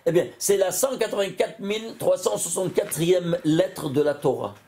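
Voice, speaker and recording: High-voiced rabbi, exclamatory and questioning. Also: male voice, moderate pace, warm tone, soft background music. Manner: exclamatory, asks listeners questions often. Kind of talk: animated Torah lesson.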